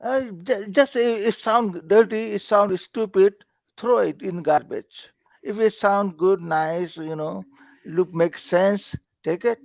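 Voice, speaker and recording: A man calls in to a live call-in stream for a casual debate, speaking haltingly in simple, broken phrases with many repeated words. His voice sits high with vocal fry and no echo, heard over a dull, lo-fi call line.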